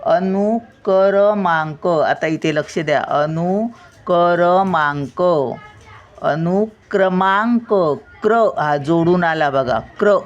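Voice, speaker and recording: A woman's voice: on the low side, lo-fi sound. An older woman teaching a spelling lesson, patiently sounding words out syllable by syllable.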